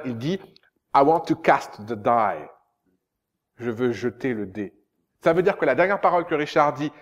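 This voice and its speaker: Animated French man giving a lecture. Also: mid-range voice. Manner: animated, expressive speaker who sometimes sounds out rhythms. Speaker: stage director and translator. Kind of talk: public lecture. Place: lecture hall.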